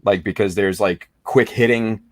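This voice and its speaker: A man's voice: lowish voice, moderate pace, no echo. A man co-hosting a casual hobby podcast, chatting enthusiastically and rambling with many fillers. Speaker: podcast co-host. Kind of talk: casual chat.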